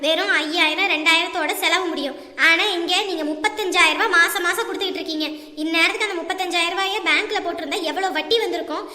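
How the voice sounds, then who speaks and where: A woman's voice: very high-pitched, fairly even intonation, fast talker, sharp tone, reverberant, in a large hall. A woman playing a demanding, money-minded young wife in a comic family skit, wheedling and bossy.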